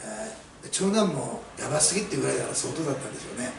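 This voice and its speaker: A man's voice: on the high side, sing-song, racing, gravelly. A middle-aged man preaching a sermon as a pastor, telling stories chattily with many fillers. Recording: roomy, mic at a distance, faint hiss.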